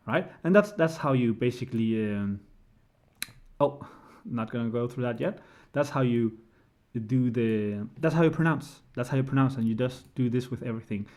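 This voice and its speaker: A man's voice: mid-range voice, a little mellow. A man giving a casual screen-share tutorial, explaining step by step and often checking in with "right?". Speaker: language tutor.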